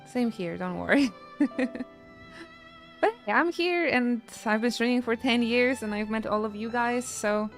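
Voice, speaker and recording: A woman's voice: on the high side, a little slow, faint music behind. A woman from Poland, chatting casually with her stream in a joking, self-mocking way. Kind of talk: casual chat with chat readers.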